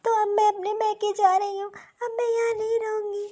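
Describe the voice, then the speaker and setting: Very high-pitched hurt young daughter-in-law for a cartoon, voiced by a woman, plaintive. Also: flat delivery, normal speed, warm tone. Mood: aggrieved. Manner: complaining, plaintive. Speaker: cartoon voice actor. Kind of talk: storybook cartoon dialogue.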